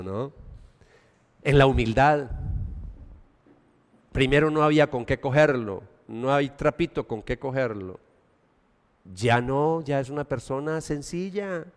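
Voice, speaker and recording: Un pastor que predica un sermón, alternando énfasis fuertes con apartes en voz baja y escenas coloquiales actuadas para la congregación. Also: male voice, mid-range voice. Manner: preaching with dramatic swings between loud emphasis and quiet asides; colloquial, acts out little scenes for the congregation. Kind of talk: sermon. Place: church hall. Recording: long church-hall reverb.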